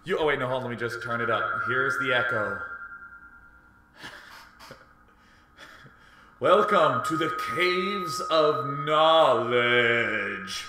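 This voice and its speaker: A man's voice: medium pitch, expressive, takes it slowly, pauses often, background noise. A man streaming live, joking around in a goofy, self-mocking way as his voice rings out in a big echoing, cave-like reverb. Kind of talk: casual live stream chat. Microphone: desk mic without headphones. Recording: echoey room on a desk mic.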